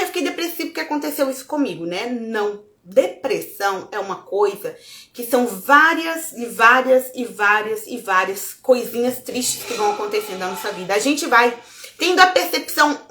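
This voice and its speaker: A woman's voice: a little high, reverberant. A Brazilian woman giving a casual motivational talk, speaking expressively and acting out her inner dialogue. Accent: Brazilian Portuguese. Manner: expressive, acts out inner dialogue, addresses viewers as gente. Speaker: self-development speaker.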